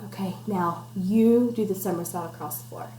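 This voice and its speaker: A warm-toned woman with a mid-range voice and moderate pace reads a picture book aloud for children at home. As a teacher, she encourages them with questions and instructions. The room is echoey, and there's faint background noise.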